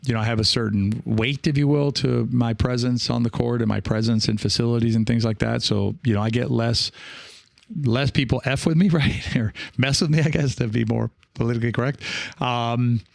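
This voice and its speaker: A man with a mid-range, steady voice and some vocal fry hosts a casual solo podcast, reading and answering listener comments. An experienced pickleball player, he rambles hesitantly and reassuringly, pausing often and checking in with "right?". The recording is dry.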